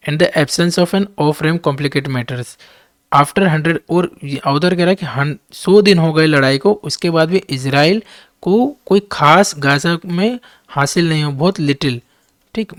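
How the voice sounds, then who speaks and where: A man with an Indian accent, an English teacher who reads editorial lines slowly and then explains them in quick Hindi. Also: on the high side, fairly bright tone, dry recording, studio quality.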